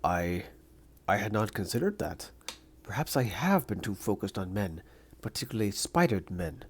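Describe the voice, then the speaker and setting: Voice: low-pitched, very animated, moderate pace, slight background noise. A performer voicing a pompous, menacing male supervillain hunter in a comic dub, speaking in a grandiose, formal, haughty way. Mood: pensive, solemn. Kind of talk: theatrical comic-book villain dub.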